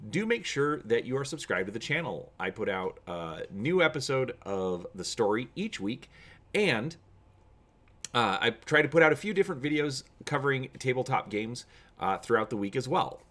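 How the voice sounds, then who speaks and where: Very animated and fairly bright in tone, this man talks at a normal speed and medium pitch. He runs a tabletop gaming channel, greeting viewers informally before dramatically reading adventure story narration.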